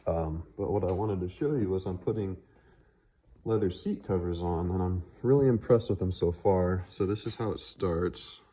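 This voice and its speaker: A man with a deep, dark, slightly breathy voice chats off the cuff in a laid-back handheld vlog. He's a car vlogger showing off the modifications on his truck, keeping things offhand and unscripted.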